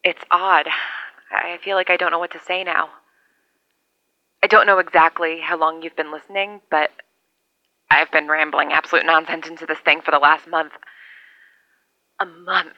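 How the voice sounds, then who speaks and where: A woman's voice: deep voice, steady tone, measured pace, long pauses, no room sound, muffled recording. Woman playing a lonely radio caller, heard over a two-way radio. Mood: hopeful. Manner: rambling, self-deprecating, wry. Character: lonely wry woman survivor calling strangers by radio. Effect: transmitted over a two-way radio. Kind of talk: audio drama monologue.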